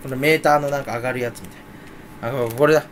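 A young man rambling in casual, rough speech on his own vlog, grumbling with mock indignation. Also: medium pitch, fairly even intonation, fast, a little hiss or hum. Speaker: YouTuber. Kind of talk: casual solo vlog talk.

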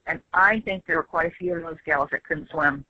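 A woman in her fifties, a guest on an interview podcast, talking frankly and with lively emphasis in casual conversation. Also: low-pitched, fairly quick, highs cut off, slight background noise. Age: 50s. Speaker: interview guest, former reality show contestant.

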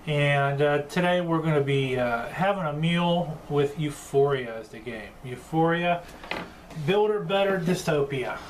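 Higher-voiced man, distant noisy home recording. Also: measured pace. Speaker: chef hosting a cooking and board game show. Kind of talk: casual instructional vlog talk. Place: indoors at home, table and kitchen. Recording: distant mic with background noise.

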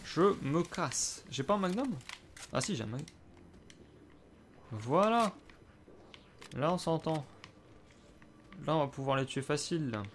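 A man's voice: fairly high pitch, lively intonation, a little slow, long pauses, slight background noise. A man commenting live on his own gameplay in a casual, hesitant way, swearing and breaking into sudden exclamations. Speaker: gamer playing and commenting.

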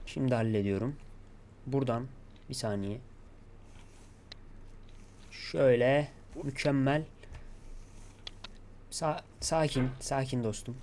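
Casting: male gaming YouTuber, mid-pitched, self-coaching play-by-play, faint background noise. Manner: talks to himself, coaxing and urging himself to stay calm. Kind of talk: gameplay commentary.

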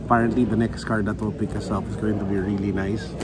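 This travel vlogger, a Filipino-accented man in his thirties, talks fast in a fairly low voice with little pitch movement, competing with a loud crowd. His chat is playful and informal, blending Tagalog and English. He films on the go, from hotel rooms to malls, streets and restaurants, holding a camera or phone at arm's length.

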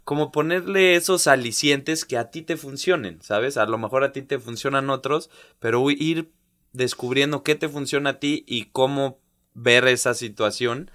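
A middle-aged man, speaking as an interview guest in a reflective, halting way, often restarting and adding "you know?". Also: medium pitch, a bit bright. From Mexico. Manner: halting, many restarts and "¿sabes?" tags. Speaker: interview guest, former pro footballer and youth coach.

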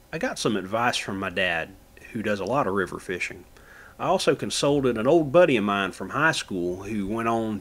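A man's voice: fairly low pitch, a bit bright. A man from Florida narrating his own fishing footage in a plain, folksy how-to manner. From Florida, USA. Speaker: fishing channel host.

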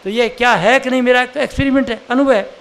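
An older Indian man delivers a satsang sermon, teaching in a plain, conversational way with everyday examples. His voice is very high, a bit bright, and steady in tone, and he speaks fast.

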